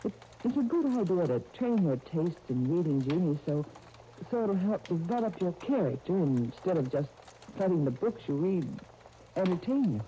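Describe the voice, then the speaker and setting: An actress playing a gentle, earnest guardian of young twins in a 1930s radio soap opera, speaking tenderly. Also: female voice, on the low side, big pitch swings, moderate pace. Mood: gentle, persuasive. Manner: tender, earnest, uses endearments. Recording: muffled, noisy 1939 radio disc recording.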